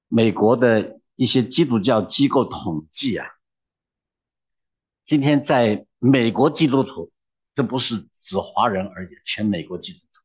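A man's voice: medium pitch, darkish tone, husky, lo-fi sound. A man preaching a sermon, emphatic and exhorting, who drops into humorous storytelling.

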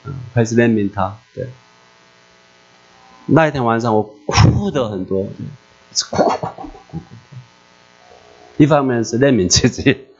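A mid-range-voiced man preaches his personal testimony emotionally and animatedly, frequently questioning his listeners. The recording is dull and lo-fi, with a mains hum.

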